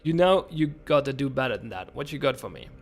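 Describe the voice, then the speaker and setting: A man voicing a coarse, scarred middle-aged male merchant with a loosely put-on accent, rough and jovial. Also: mid-range voice, lively intonation, quick pace, faint music behind. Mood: wheedling. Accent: put-on accent, admitted as botched. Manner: gruff, jovial, rough slang-laced talk.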